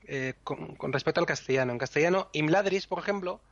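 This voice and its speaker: A man's voice: on the high side, fast talker, gravelly, a bit bright, no echo, lo-fi sound. A man patiently explaining pronunciation rules on a podcast, spelling out syllables one by one. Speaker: podcast co-host teaching Elvish pronunciation.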